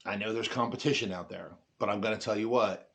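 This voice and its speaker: Man, deep register, loose rambling delivery full of fillers and restarts, casual to-camera review. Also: steady tone, fast, fairly bright tone. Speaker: ATV owner reviewing a product.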